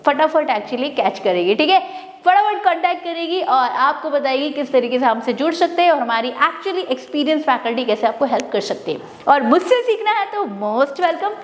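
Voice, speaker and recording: A woman teaching English pronunciation in a mix of Hindi and English, with an Indian accent, energetic and slowing down to drill each word. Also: high voice. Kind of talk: Hinglish teaching to camera. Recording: echoey room with long reverb.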